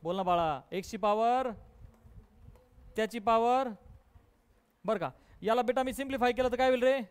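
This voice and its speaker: Marathi-accented male maths teacher, high clear voice, coaxing, pushes for quick answers. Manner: coaxing, keeps prodding students to answer. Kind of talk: live online class.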